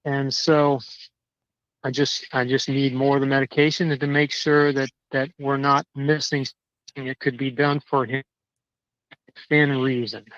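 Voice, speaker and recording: A man calling in on a crackly phone line that fades in and out, walking a dog outdoors and telling his story in a halting, indignant way, often repeating words. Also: mid-range voice, flat delivery, a bit bright, no room sound. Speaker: caller. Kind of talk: casual chat. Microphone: cell phone.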